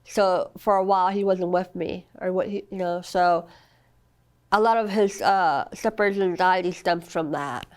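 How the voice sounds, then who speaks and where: A woman's voice: fairly low pitch, steady tone, moderate pace, clean tone. A young woman, a mother speaking earnestly in a podcast interview, full of "I mean" and "you know", recovering from an illness. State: recovering from illness, occasional cough. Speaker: guest, mother of a child with a rare condition.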